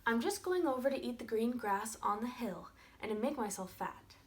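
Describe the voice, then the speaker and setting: A woman's voice: on the high side, animated, normal speed, voice pushed up, lightly acted. A woman voicing the littlest male billy goat, who talks in a wee, pleading voice in a children's storybook reading.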